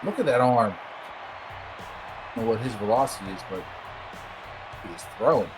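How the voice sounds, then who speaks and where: A man's voice: on the low side, animated, a little slow, soft background music, low-quality recording. A man giving casual play-by-play commentary on a baseball game, with scratching in the background. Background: scratching and scraping noises.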